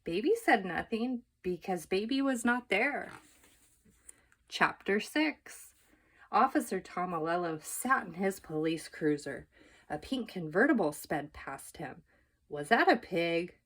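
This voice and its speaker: Reading a children's book aloud, a female storyteller narrates in an expressive, measured and emphatic way. Her voice is mid-range with a breathy edge.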